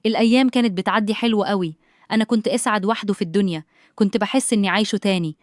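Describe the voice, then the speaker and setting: Egyptian woman reading a first-person story out loud, super quick, confessional, dry close sound. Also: medium pitch, no echo. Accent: Egyptian Arabic. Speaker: narrator.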